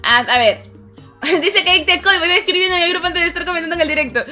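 A woman's voice: sharp tone, soft background music. A young woman chatting casually on a live game stream, greeting viewers by name and reading their comments, her voice a little strained. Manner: ends phrases with a low, drawn-out "hermano". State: voice strained, rough.

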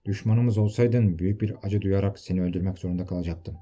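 Man reading a gruff old soldier, low dark voice, stern. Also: steady tone, fast. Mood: commanding. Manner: stern, scolding.

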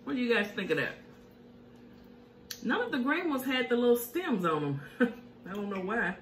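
Very animated and a little high-pitched, a middle-aged woman chats at a normal speed while eating and humming over her food as the host of a home cooking mukbang show. She's in an indoor home kitchen; the room echoes and a faint hiss is audible.

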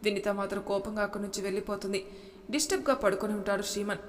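A woman narrating a serialized audiobook story in a steady, even reading. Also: medium pitch, fast talker. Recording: reverberant room with faint noise.

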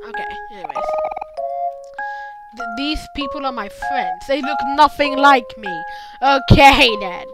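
A young woman chats her way through a video game, her fairly high voice bouncing up and down with animated swings. She keeps cutting herself off for quick, sarcastic jokes. Loud game music plays behind her the whole time. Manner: chatty, goofy, self-interrupting, sarcastic asides. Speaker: let's play host. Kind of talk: casual gameplay commentary.

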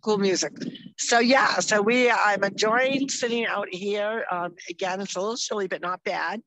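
A woman's voice: medium pitch, moderate pace, a bit bright, a little hiss or hum, low-quality recording. A woman co-hosting a casual podcast chat, upbeat and chatty, often losing her train of thought. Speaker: co-host. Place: outdoors in the mountains.

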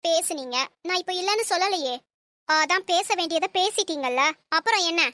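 A woman's voice: very high voice, lively intonation, moderate pace, no echo, full character voice. Woman voicing a defiant young cartoon wife. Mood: angry, scornful. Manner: sharp, cutting retorts. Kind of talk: animated cartoon voice acting.

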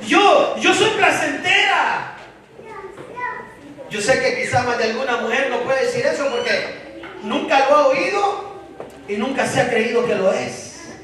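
A man from El Salvador preaching a fiery sermon as pastor, shouting and calling on the congregation to answer. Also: very high voice, moderate pace, recorded from a distance. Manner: preaches with shouted calls and call-and-response. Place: large church hall. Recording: echoey hall, mic from afar, congregation.

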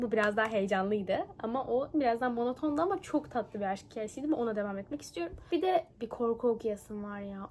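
A young woman chatting casually in a book vlog, animated and exclaiming, often laughing. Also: high voice, a little hiss or hum. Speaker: book vlogger.

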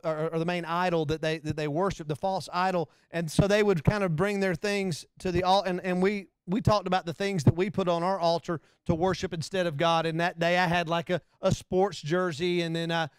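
A man preaching a conversational sermon, animated and joking, sometimes acting out bits in a low hushed voice. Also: moderate pace, hardly any pauses, smooth, no room sound. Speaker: pastor.

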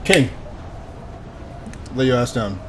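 A man's voice: medium pitch, lively intonation, slow, background noise. A man streaming a video game, joking and laughing with friends over a headset mic. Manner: loud, laughing, crude banter. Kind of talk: casual gaming chat with friends.

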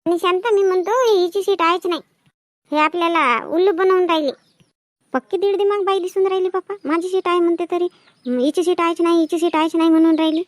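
A woman playing a sharp-tongued village woman who quarrels and talks back fast in a comedy sketch. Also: extremely high pitch, fairly even intonation, dry recording, clean studio sound. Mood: quarrelling. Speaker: sketch actress.

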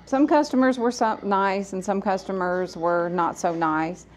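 A woman's voice: medium pitch, steady tone, measured pace. A woman who owns a laundromat, talking casually and explaining things step by step on a vlog, speaking from inside one of her laundromats. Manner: chatty, explains step by step to the camera. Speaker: laundromat owner.

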